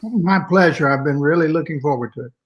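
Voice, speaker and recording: An older man with a West Texas accent and twang, reminiscing conversationally in a folksy, halting way as an interview guest. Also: a little high, highs cut off. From West Texas, United States. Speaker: interview guest, music educator.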